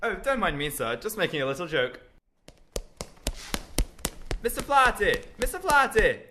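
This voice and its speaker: Man as a high-voiced, eager young apprentice. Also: very animated, normal speed, noisy background. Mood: sly, then alarmed. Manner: plucky, deferential, exclamatory. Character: eager, brave, deferential young male apprentice. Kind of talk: comic radio drama acting.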